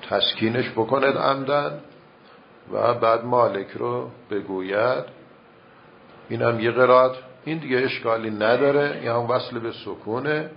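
A man teaching recitation rules in a measured, step-by-step way, reciting verse examples as he explains. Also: medium pitch, creaky. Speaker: religious teacher. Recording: muffled lo-fi recording with faint noise.

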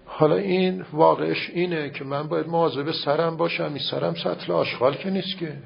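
A man's voice: a little high, fairly even intonation. An older man, a cleric, delivering a sermon in a conversational way, with repetition and anecdotes. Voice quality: gravelly and raspy. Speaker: cleric preacher. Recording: dull lo-fi recording.

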